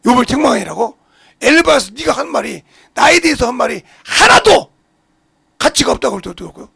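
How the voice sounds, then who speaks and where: A pastor preaching a sermon with passion, swinging between shouts and low mutters and firing rhetorical questions at the congregation. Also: male voice, big pitch swings, fast talker, creaky, husky, dry recording, studio quality.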